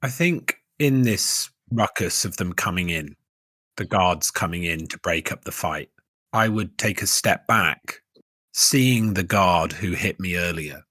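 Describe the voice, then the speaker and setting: A man playing a tabletop game, laying out his plan deliberately and checking the rules. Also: sits low, lively intonation, sharp tone, dry recording, studio quality. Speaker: player. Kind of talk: casual tabletop play.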